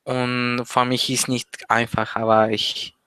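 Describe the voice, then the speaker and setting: A teenage guy from Mexico, a Spanish speaker learning another language, chats casually as a guest in an interview. He speaks slowly and flatly with a medium-pitched, clean tone, sounding hesitant with many pauses and fillers.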